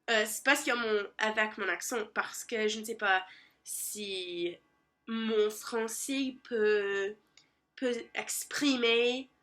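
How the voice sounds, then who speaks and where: Young American woman, English native, unhurried learner vlog, hesitant and self-correcting, fairly high voice. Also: sharp tone. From United States. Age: young adult. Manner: laughs at her own slips. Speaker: vlogger. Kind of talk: casual vlog in a learned language.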